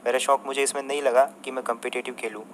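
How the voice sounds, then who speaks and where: A man's voice: medium pitch, little pitch movement, racing, very noisy. A young man, a mobile game streamer ranting at a rival, combative and swearing heavily while turning to his viewers. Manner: addresses the viewers and a rival by turns. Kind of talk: angry rant to viewers.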